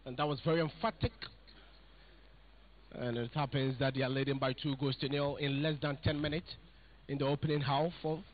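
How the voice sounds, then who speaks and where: A man's voice: mid-range voice, steady tone, brisk. Man commentating football over a phone-like line. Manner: keeps addressing "ladies and gentlemen". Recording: phone-like narrow sound.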